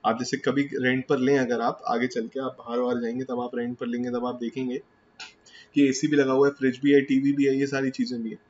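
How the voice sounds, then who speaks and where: An Indian-accented man teaches a tax class, blending Hindi with English and posing questions he then answers himself. His mid-range voice is brisk and a little mellow, with little pitch movement. The classroom recording has a slightly dull, lo-fi quality and faint background noise.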